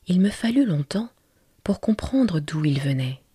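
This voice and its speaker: A woman narrating a storybook in whispered role-play, her low voice very breathy and husky. She reads slowly and softly, close to the mic in a dry, dead space. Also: big pitch swings, no echo. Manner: slow, soft, measured reading. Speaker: narrator reading a storybook aloud.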